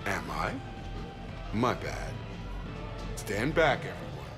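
An actor playing a confident, playfully competitive space soldier with a teasing manner in a video game. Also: male voice, on the low side, big pitch swings, slow, music in the background. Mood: cocky, teasing. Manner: teasing trash talk.

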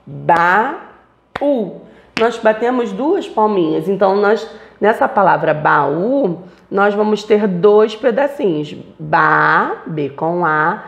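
A woman teaching a lesson to young children from home, slow and sing-song. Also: mid-range voice, lively intonation. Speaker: primary school teacher. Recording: echoey room.

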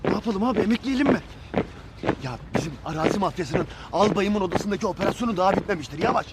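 An actor playing a nervous, fussy young male conscript in a TV sitcom, talking quickly and fretfully. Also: sits high, lively intonation, very noisy. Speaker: soldier.

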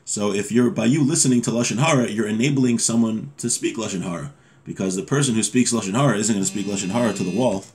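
Reading and explaining a religious law text step by step, a man in his thirties speaks fast in a lowish, darkish voice. His informal lesson is set indoors in a small room at home with bookshelves.

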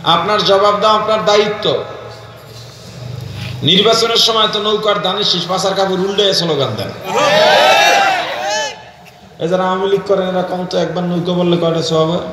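High, piercing preacher with booming echo. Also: male voice, moderate pace, long pauses, heavy background noise. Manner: scolding, emotional sing-song delivery. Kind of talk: open-air sermon. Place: outdoor field gathering. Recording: booming echoey PA outdoors.

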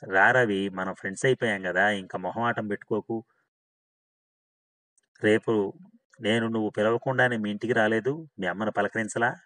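A man's voice: lowish voice, fairly even intonation, moderate pace, pauses often, a bit bright, close to an everyday voice. A man reading the lines of a cheerful, talkative young woman in an audiobook, in an eager, bubbly manner.

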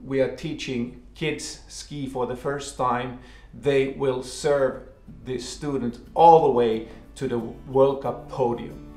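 Slow-paced man instructing, echoey room. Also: medium pitch, a little mellow. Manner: halting, repeats and rephrases his words. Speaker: ski instructor. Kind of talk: instructional explanation to camera. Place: small living room, indoors.

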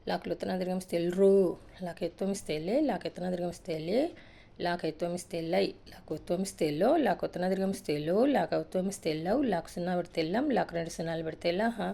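A woman teacher rapidly reciting an alphabet drill in a sing-song rhythm, adding brief asides about writing the letters. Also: lowish voice, fairly even intonation, gravelly, warm tone. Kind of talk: reciting a Telugu alphabet lesson.

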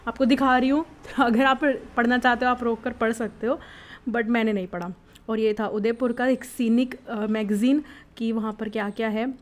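A young woman narrating her first flight as a travel vlogger, excited and reflective, mixing in English words. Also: fairly high pitch, normal speed.

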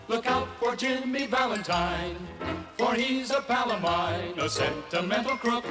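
A man's voice: high-pitched, reverberant. A man singing a novelty song, heard from an old record played on air. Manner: crooning, sing-song. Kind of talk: sung vaudeville-style novelty song.

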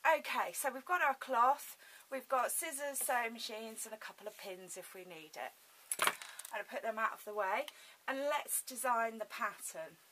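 A woman's voice: a little high, animated, normal speed. A woman hosting a casual hands-on sewing tutorial, thinking aloud as she works, with toothless articulation, lips over her teeth. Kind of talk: casual hands-on craft demonstration. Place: indoors at a home sewing table. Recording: hissy home recording.

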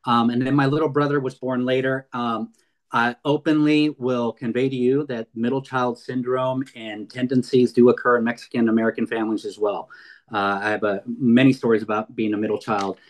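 In a heartfelt webinar talk delivered over a video call, a guest speaker in his fifties from California's San Fernando Valley speaks earnestly, with many fillers and restarts. His mid-range voice holds a steady tone at a fairly quick pace, though the recording is rough.

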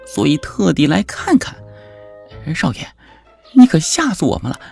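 A man's voice: wildly swooping pitch, normal speed, creaky, a little mellow, slightly rough, soft background music, heavily acted. A man doing a frantic pleading male servant. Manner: high, pleading, urgent. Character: anxious male servant pleading with his young master.

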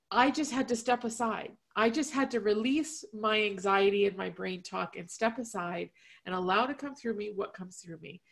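Earnest, heartfelt woman sharing. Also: mid-range voice. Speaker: team leader sharing at a healing session. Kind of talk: emotional personal sharing.

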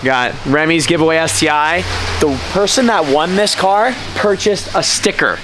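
A man in his twenties with an American accent, chatting casually to camera in a raspy voice, hoarse from a lingering cold. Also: on the high side, normal speed. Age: 20s. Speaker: car vlogger. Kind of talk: casual vlog chat to camera. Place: outdoors, in a car and in a large garage workshop. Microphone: handheld camera at arm's length. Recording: noisy vlog audio with car ambience.

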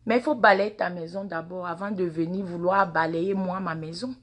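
This woman's voice is lowish, with fairly even intonation at normal speed. In her forties and a native Mina speaker with a Mina accent, the social media personality records a live phone video monologue at arm's length in a large indoor waiting room, lecturing her followers fervently and repeating words and questions.

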